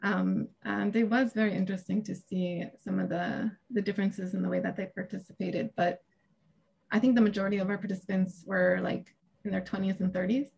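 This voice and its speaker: Speaking a little fast with little pitch movement, a woman in her thirties gives a conference talk and Q&A on a video call, casual and punctuated by hesitations and laughs. Her mid-range voice is creaky and darkish with a breathy edge. A webcam records her in a small home room lined with shelves.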